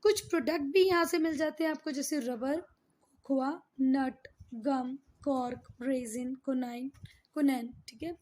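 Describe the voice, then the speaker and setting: A woman's voice: high voice, fairly even intonation, unhurried, darkish tone. A woman teacher giving a geography lesson, mixing in English terms, repeating key words and quizzing her pupils affectionately. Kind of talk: classroom geography lesson, Hindi mixed with English.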